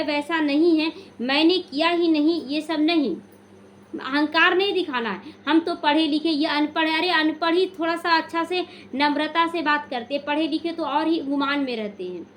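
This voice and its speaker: Casting note: high-pitched woman, spiritual teacher, calm measured devotional talk, faint room noise. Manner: slow, calm, instructive, with restarts and stories.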